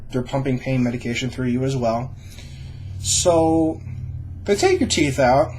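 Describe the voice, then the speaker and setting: A man's voice: mid-range voice, a little mellow. Young man, mid-range voice, informal vlog delivery, explanatory, reassuring. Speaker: vlogger sharing own surgery experience. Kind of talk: casual explanatory vlog to camera.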